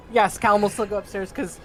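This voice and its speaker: A player in a tabletop game, speaking relaxed and dryly joking. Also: mid-range voice.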